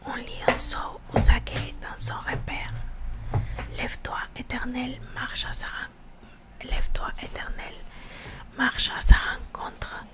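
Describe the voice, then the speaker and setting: Casting: female ASMR reader, hushed library whisper, unhurried and slightly halting scripture reading. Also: sits high, completely flat delivery. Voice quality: hushed library-style whisper, mostly unvoiced. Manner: slow, halting reading with repeated words.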